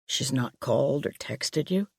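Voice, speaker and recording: A woman voicing a calm, dry male police chief in an audiobook, lowering and quieting her voice. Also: vocal fry, breathy edge, no echo, full character voice. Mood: measured. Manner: low, quiet and measured.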